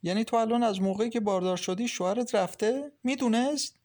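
A man's voice: high voice, pitched above the performer's own voice, close to an everyday voice. A man voicing a caring, talkative young wife who gives kind, lecturing advice in an audiobook. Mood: concerned. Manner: lively, reassuring, lecturing kindly. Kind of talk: audiobook character reading.

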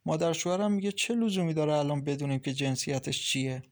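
A man playing a worried pregnant young woman in an audiobook, sad and hesitant, with a raised voice. She complains quietly about her troubles. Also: a little high, close to an everyday voice. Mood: troubled. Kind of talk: audiobook character reading.

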